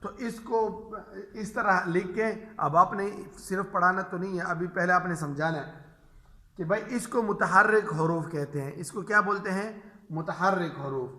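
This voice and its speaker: A man's voice: high voice, pushed and bright. A man teaching a beginner's Quran reading lesson, explaining step by step and drilling each point by asking a question and answering it himself. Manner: repetitive call-and-response drilling, answering his own questions. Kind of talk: instructional lesson for teachers and parents. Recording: echoey room.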